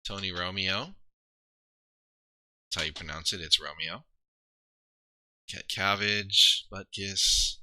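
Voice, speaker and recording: Rambling man streaming, bright dry voice. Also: sits low, fairly even intonation, slow pace, long pauses, no room sound. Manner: rambling, self-deprecating, trails off and restarts. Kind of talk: casual live-stream commentary.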